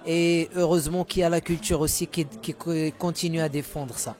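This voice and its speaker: Brisk and darkish in tone, a high-leaning male voice with fairly even intonation belongs to a Moroccan musician guest. His first language is Moroccan Arabic, and he talks casually in the interview, repeating words as he searches for terms.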